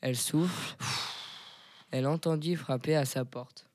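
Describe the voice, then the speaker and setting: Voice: medium pitch, a little slow, a little mellow. A narrator telling the story of an amateur skit in a plain storytelling manner.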